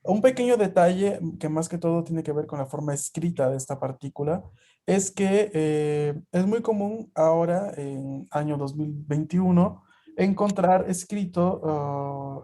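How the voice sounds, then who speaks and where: Mellow-voiced man teaching online. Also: a little high, normal speed. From Peru. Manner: patient, explanatory, many fillers. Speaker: language teacher. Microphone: video call.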